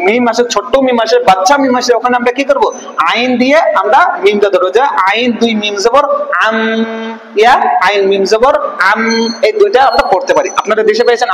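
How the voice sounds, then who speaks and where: A man with a high voice teaches Quran reading, spelling out syllables one at a time. He asks his own questions and answers them right away. His voice rings with a long reverb, as if in a large echoey hall. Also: fairly bright tone. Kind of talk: spelling-out recitation lesson.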